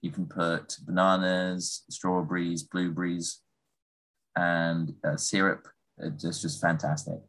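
A man's voice: deep voice, slow pace, poor audio. A young man from England chatting casually and loosely about everyday habits. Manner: relaxed, rambling, with fillers. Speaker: conversation partner. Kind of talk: casual chat.

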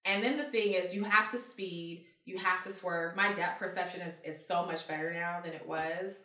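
A woman in casual conversation who tells her stories with energy, acting out heated back-and-forths and swearing freely. Her voice is bright and forceful. It rings in an echoey room, and she sits a little away from the mic. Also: fairly low pitch, normal speed, recorded from a distance. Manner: animated storyteller, acts out heated quotes, swears freely. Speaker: guest telling stories. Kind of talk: casual chat.

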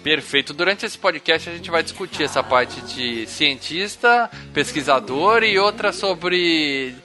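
Lively, bright-voiced podcast host. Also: male voice, a little high, unhurried, soft background music. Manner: animated, joking. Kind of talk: casual podcast chat.

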